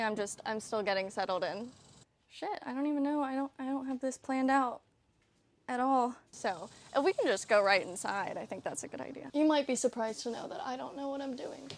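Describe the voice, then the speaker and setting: In a casual vlog shot in her camper trailer and on the surrounding land, a young woman shows off her new camper in a fairly high voice. She rambles, laughs frequently and swears without a second thought, often at her own expense. A little hiss or hum can be heard.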